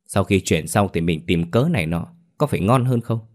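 Male narrator doing a low-voiced cheated husband, snarling and cursing. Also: animated, a little fast, darkish tone. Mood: scheming. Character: furious scheming husband, middle-aged man.

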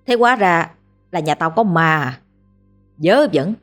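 A woman's voice: lowish voice, fairly quick, soft background music, natural voice. A woman voicing a harsh, abusive, often drunk husband who scolds coarsely. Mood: shouting.

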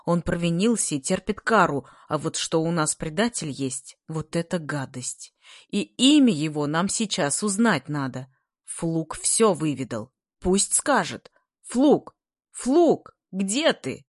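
A woman voicing an excitable, skinny schoolboy who makes a speech in a loud, ringing, eager voice. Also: low-pitched, unhurried, no echo, clean studio sound. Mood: eager, shouting. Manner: shouting, eager and insistent.

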